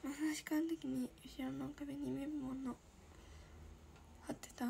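Soft-whispering high-voiced young woman. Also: flat delivery, a little slow, slight background noise. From Shizuoka, Japan. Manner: soft-spoken, often drops into a breathy whisper. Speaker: idol livestreamer. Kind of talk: casual livestream chat reading viewer comments.

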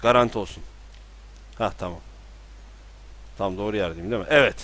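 A young man giving casual live commentary while playing a game at home, talking to himself and sometimes bursting into panicked yelling. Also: lowish voice, a little fast. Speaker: streamer. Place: room at home with balcony door open.

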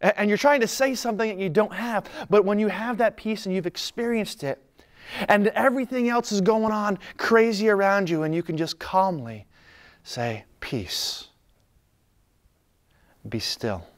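A man's voice: sits high, normal speed. Conversational man preaching a sermon. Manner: earnest, conversational preaching with soft calm lines. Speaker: pastor.

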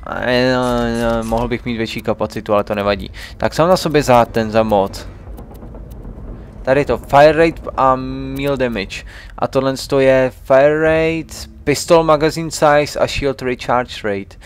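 A man's voice: medium pitch, a little hiss or hum. A young man casually commenting on a video game as he plays, muttering to himself and chatting to viewers. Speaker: let's play gamer.

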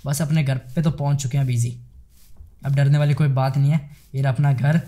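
A young man giving chatty, excitable commentary while playing a game, talking straight to his viewers. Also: mid-range voice, fairly quick, slight background noise. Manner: chatty, excitable, addresses viewers as guys and bhai sahab. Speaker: gaming YouTuber. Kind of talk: casual Minecraft let's play commentary.

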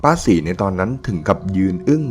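A man calmly narrating a ghost story in a measured storytelling manner. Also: lowish voice, soft background music. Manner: calm, measured storytelling with quoted dialogue.

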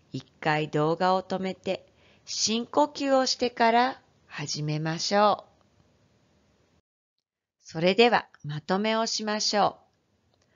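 Slow, gentle woman teaching young children. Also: mid-range voice, muffled recording. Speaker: elementary school teacher. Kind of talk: online lesson for first graders.

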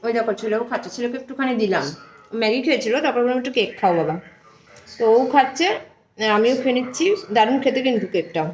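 A woman's voice: on the high side, racing, darkish tone. Chatty homemaker woman vlogging at home. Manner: homely, chatty, addresses viewers as friends. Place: home, indoors. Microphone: phone held in one hand.

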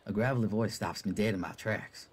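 A man narrating a first-person story in a relaxed, casual way. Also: on the low side, brisk, slightly rough. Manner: relaxed, casual, breaks off to laugh at his own slips.

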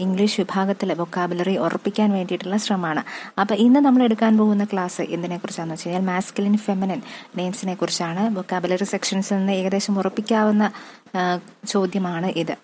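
Female exam-prep tutor, Malayali accent, patient letter-by-letter spelling, mid pitch. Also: fairly even intonation, a little mellow, a little hiss or hum. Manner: slow, spelling words out letter by letter and repeating them. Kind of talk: classroom-style lesson.

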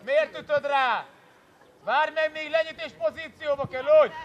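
A man coaching a youth football team, shouting urgent instructions and corrections from the sideline of an outdoor pitch. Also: highs cut off, a loud crowd. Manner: loud, instructive, urgent commands. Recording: noisy outdoor pitch recording.

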